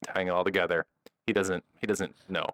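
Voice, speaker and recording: A man co-hosting a casual podcast, tossing in jokes and quick asides. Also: sits low, fairly even intonation, a bit bright, dry recording. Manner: joking, quick-witted asides. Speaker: podcast co-host. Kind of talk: casual chat.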